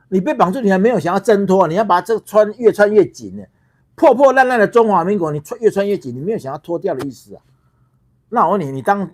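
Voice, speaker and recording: A middle-aged man from Taiwan, a party founder hosting a heated political livestream, ranting with rhetorical questions, repeated words and swearing. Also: high-pitched.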